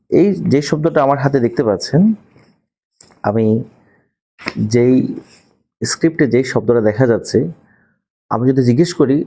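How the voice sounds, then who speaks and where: A man with a Bangladeshi Bengali accent giving a pronunciation lesson to camera, repeating key words slowly for learners. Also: mid-range voice, mellow. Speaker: English teacher.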